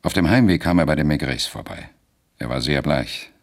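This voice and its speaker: A man narrating a radio drama in a measured, deliberate storytelling manner. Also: rumbling low, lively intonation, vocal fry.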